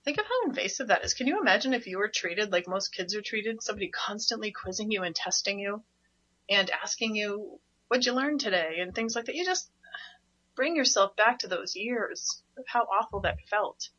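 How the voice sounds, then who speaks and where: Bright-voiced, passionate woman radio host. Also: mid-range voice, animated. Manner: passionate, emphatic, quick to laugh. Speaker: radio show host and parenting coach. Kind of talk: monologue on a radio show. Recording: dull, lo-fi radio recording.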